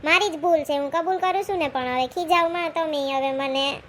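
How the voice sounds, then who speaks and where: A woman's voice: high-pitched, a little fast, fairly bright tone, a little hiss or hum. A woman, playing a feisty, talkative village woman in a comedy skit and pleading her case as she chats. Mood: chatty. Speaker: comic lead and narrator.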